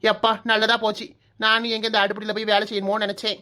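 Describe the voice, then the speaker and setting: A woman voicing a cheeky, sharp-tongued young daughter-in-law in a cartoon comedy, with a Kanyakumari Tamil accent. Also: medium pitch, little pitch movement, fast, close to an everyday voice. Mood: relieved. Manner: cheeky, taunting.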